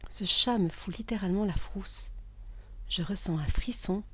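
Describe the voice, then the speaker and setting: A woman narrating a first-person story in a hushed, intimate voice that is often whispered, with tense outbursts. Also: medium pitch, normal speed, slight background noise.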